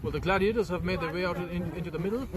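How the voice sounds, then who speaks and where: A man's voice: sits high, rapid-fire, crowd noise. A man giving easygoing, wry live commentary on a local cricket match outdoors at a cricket ground.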